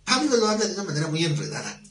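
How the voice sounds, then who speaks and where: A man's voice: on the high side, huge pitch swings, racing, fairly bright tone. Man teaching an echoey Bible class. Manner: colloquial, joking, asks the class questions. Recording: echoey room with faint background noise.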